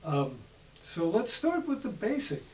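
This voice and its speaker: A man's voice: high voice, wildly swooping pitch, unhurried, recorded from a distance, slight background noise, low-quality recording. Guy hosting a radio interview, bouncy voice, asks curious questions. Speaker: radio host.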